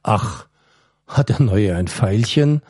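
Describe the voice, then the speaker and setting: A man's voice: fairly even intonation, normal speed, dark tone, no room sound, studio quality, natural voice. Man doing a sly older prisoner. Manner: low, sly, feigning innocence. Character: sly older male prisoner, quiet and wistful.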